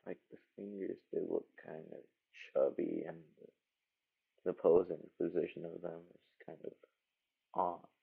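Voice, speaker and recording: A man speaks in a low voice thick with gravelly vocal fry. He rambles casually, as on a livestream, thinking aloud while he works. The sound is slightly muffled and dull. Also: level tone, a little slow. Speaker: livestreaming animator.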